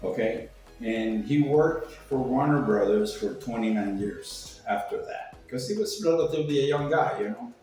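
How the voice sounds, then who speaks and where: An older man from Cuba, medium-pitched and mellow at a moderate pace, rambles through his own stories with a salty tongue and acts out people's remarks. It's relaxed, anecdotal talk captured by a distant mic in an echoey room, with faint music underneath.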